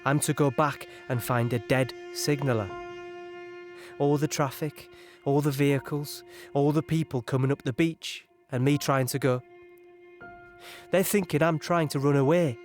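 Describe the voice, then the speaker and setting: An actor playing a young British signaller recounting a beach landing in an audio drama, halting and shaken. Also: male voice, a little high, fairly even intonation, a little mellow, faint music behind, lightly acted. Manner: halting, shaken, recalling horror in present tense.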